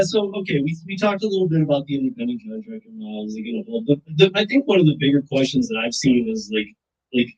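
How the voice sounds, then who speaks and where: A man with a mid-pitched voice hosts a loose group discussion. He rambles informally, as if chatting with friends. The audio is dull and lo-fi. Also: a little mellow, slightly rough. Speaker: host of gig drivers' group talk. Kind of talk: casual group chat about gig work.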